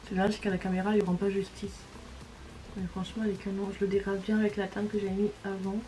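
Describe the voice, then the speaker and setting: A woman's voice: medium pitch, little pitch movement, fast talker, warm tone, soft background music, poor audio. Chatty woman doing a makeup tutorial. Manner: casual, chatty, talks through each step. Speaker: beauty vlogger.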